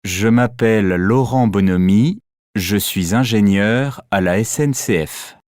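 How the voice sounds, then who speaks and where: Man, lower voice, very slow and careful reading, dry studio sound. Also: a little mellow, no echo. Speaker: textbook audio narrator. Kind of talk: slow scripted language-lesson reading.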